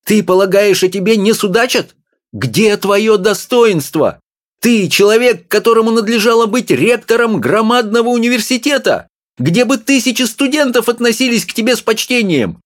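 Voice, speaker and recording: A man reading an audiobook and voicing a small, excitable older woman who scolds in a shrill voice. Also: normal speed. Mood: indignant scolding.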